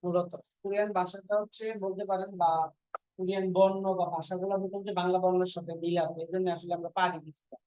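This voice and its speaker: A woman's voice: on the low side, little pitch movement, fast talker, dark tone, dry recording. A woman teaching a language class, repeating each point and quizzing her students with frequent questions. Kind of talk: classroom lesson. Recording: dull lo-fi dry recording.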